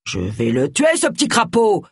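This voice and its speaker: A woman's voice: on the low side, animated, fast, breathy edge, no room sound, clean studio sound. A woman voicing a short-tempered middle-aged vicar who bellows in irritation. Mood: yelling.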